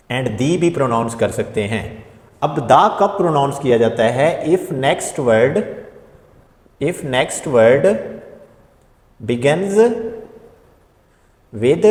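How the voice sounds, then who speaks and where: A man teaches beginner English grammar, pausing to spell out letters and stress each rule. His mid-pitched voice rings in a roomy space with a long, hanging reverb. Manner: slow, deliberate spelling-out of letters and rules. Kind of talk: spoken English grammar lesson. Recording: echoey room with long reverb.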